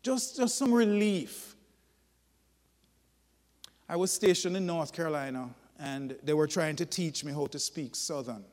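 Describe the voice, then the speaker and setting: A man preaching a sermon, telling folksy stories in an animated, emphatic way. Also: a little high, normal speed, few pauses, big-room sound.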